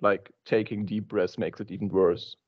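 A man's voice: on the low side, steady tone. A man speaking over a breaking-up online call, describing his experience hesitantly as a meditation class participant. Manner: hesitant, halting. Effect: voice over a breaking-up online call line. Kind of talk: casual question in a group call. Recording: dull lo-fi call audio.

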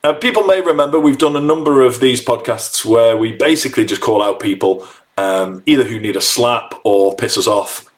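A man's voice: mid-range voice, normal speed. A man hosting a casual podcast, bantering in a teasing, gloating, jokey way. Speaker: podcast host.

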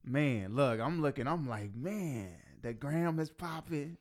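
A man with a Las Vegas accent hosting a casual podcast chat, bantering with quick slang and laughing often. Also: on the high side. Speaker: host.

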